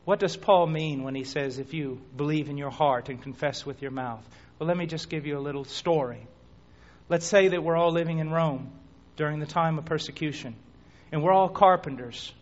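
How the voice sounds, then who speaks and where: A man preaching a sermon, telling a dramatic story that swings between hushed near-whispers and shouts. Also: on the high side, normal speed. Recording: dull lo-fi recording.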